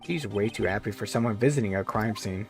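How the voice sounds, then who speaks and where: A man's voice: fairly low pitch, brisk, faint music behind, close to an everyday voice. A man voicing a put-upon young male lawyer who makes dry, sarcastic asides.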